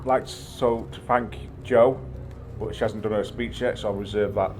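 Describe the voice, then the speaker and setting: A man giving an informal, jokey wedding toast speech as the groom, with a halting delivery. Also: on the low side, steady tone, darkish tone, a little hiss or hum.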